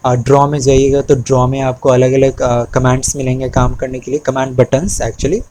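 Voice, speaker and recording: A man's voice: mid-range voice, flat delivery, normal speed, darkish tone, slight background noise, rough recording. A young man, teaching a screen-recorded spreadsheet tutorial in a patient way. He repeats key terms and often checks in with the viewer. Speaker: Excel instructor. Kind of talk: screen-recorded tutorial, mixing Hindi and English.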